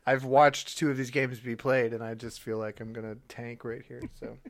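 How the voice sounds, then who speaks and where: A man's voice: mid-range voice, level tone, normal speed, dry recording. A man playing a movie trivia game, joking around and laughing often in casual chat. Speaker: game player.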